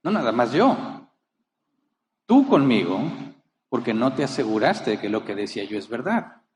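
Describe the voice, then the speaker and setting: A man's voice: mid-range voice, sing-song, normal speed, in a large hall. A man preaching a sermon as a pastor, emphatic, rising and falling, asking rhetorical questions. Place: church.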